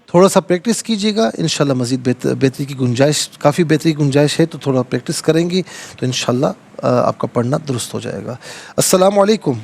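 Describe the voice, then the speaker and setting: A man's voice: fairly high pitch, lively intonation, vocal fry, darkish tone. A man from Pakistan hosting a televised religious lesson, explaining verses and patiently correcting callers' recitation. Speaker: Quran teacher and TV host. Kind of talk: religious lesson with live call-ins. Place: TV studio.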